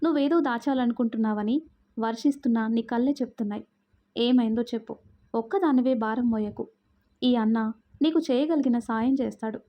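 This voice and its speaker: A woman voicing a caring elder brother in a narrated audio love story, speaking gently and reassuringly. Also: fairly high pitch, natural voice. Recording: muffled lo-fi audio.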